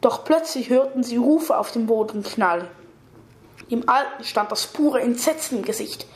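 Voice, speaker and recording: A woman's voice: fairly high pitch, normal speed. A woman reading a fantasy story aloud, with small slips and self-corrections, in an echoey room.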